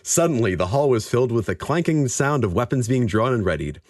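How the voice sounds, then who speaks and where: A man co-hosting a podcast, reading a story aloud and chatting casually, animated and jokey. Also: medium pitch, a little fast, no room sound, clean studio sound. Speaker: podcast co-host and story reader.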